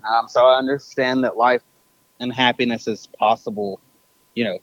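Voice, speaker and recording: Over a dull phone line, a man who owns a business is interviewed as a podcast guest in casual conversation. He speaks thoughtfully, with many fillers and self-corrections, in a medium-pitched, a bit bright voice with fairly even intonation at normal speed.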